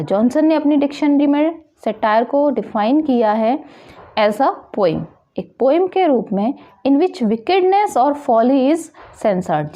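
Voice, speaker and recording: A woman teaching a literature lesson, reading English definitions slowly and explaining them, asking questions and answering them herself. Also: fairly high pitch, dark tone. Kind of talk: exam-prep lesson.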